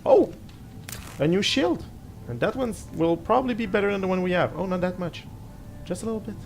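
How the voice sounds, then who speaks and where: Speaking fairly quickly, the gaming channel host, a middle-aged native French speaker, has a high, expressive, somewhat dark voice with vocal fry. He offers offhand commentary as he plays, thinking out loud, restarting, and making light jabs at himself over the game music.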